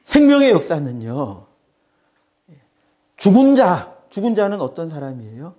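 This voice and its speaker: A man's voice: fairly high pitch, wildly swooping pitch, measured pace, mellow. A male pastor preaching a sermon, emphatic and repeating his phrases.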